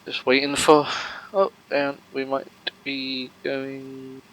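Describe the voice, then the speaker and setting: A man's voice: medium pitch, monotone, takes it slowly, fairly bright tone, low-quality recording. A man commentating a sim race live, rambling with lots of fillers and joking banter with his co-host.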